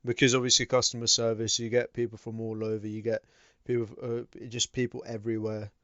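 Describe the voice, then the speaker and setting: A young man with a smooth, clear voice co-hosts a podcast, picking his way through his thoughts with ums and pauses. The recording is dry and slightly dull and lo-fi. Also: medium pitch, little pitch movement, a bit bright, dry recording. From United Kingdom. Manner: hesitant, full of ums and pauses. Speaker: podcast co-host. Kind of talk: casual chat. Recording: dull, lo-fi mic.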